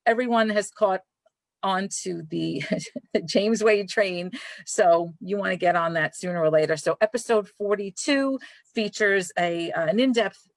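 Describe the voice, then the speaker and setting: Speaking a little slowly in a mid-range voice, this librarian host from Brooklyn, New York, brings her Brooklyn accent and an effusive, chatty manner to a live library author chat. There's no echo in the recording.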